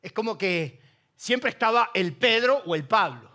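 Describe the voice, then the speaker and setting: A man's voice: high voice, lively intonation, a little slow, bright, forceful tone. A middle-aged male pastor with a Rioplatense Spanish accent, preaching a humorous, story-filled sermon and asking the congregation questions. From Argentina.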